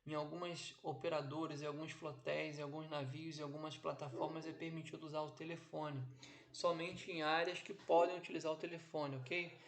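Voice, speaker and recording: A man with a slightly high voice, teaching a class recorded at home. He speaks slowly and deliberately, stretching his phrases and checking in with listeners after nearly every point. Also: little pitch movement. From Brazil. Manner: didactic, drawn-out phrasing with frequent "ok?" and "né?". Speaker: instructor. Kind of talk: online lecture. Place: home office. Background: background noise.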